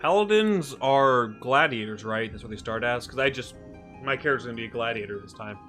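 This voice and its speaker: A male streamer chatting in a relaxed, rambling way as he plays. His pitch sits in a normal middle range. Game music plays faintly behind him. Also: brisk. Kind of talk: casual gaming stream chat.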